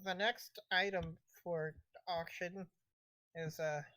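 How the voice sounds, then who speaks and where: A woman leads an auction in a tabletop role-playing game, halting and unsure of her words. Her voice is slightly low, bright and forceful, and she talks slowly. The sound is dry and close. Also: steady tone, no echo. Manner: hesitant, halting, full of pauses.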